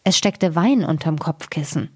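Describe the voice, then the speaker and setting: A woman's voice: sits low, measured pace, darkish tone, slightly rough, no room sound, studio quality. A woman voicing a sly little peasant trickster in a storybook tale, speaking in a raised, cheerful tone.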